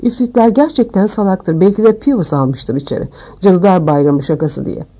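A woman's voice: medium pitch, normal speed, warm tone, lo-fi sound, close to an everyday voice. A woman voicing a grumpy, sulky eleven-year-old boy who mutters sarcastic remarks. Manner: grumbling, sarcastic.

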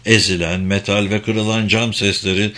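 A man narrating a thriller audiobook in a steady, measured reading. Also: on the low side.

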